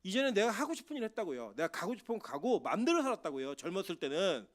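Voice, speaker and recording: Male pastor, sermon, high lively voice, church. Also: quick pace. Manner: animated preaching, asks the congregation questions; acts out Bible figures in quoted speech.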